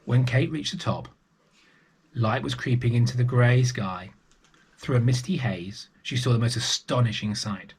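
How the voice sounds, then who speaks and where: There's a little hiss or hum behind this man as he reads a picture book to young children at a moderate pace in a medium-pitched voice. He tells the story expressively for his early years audience and adds chatty asides.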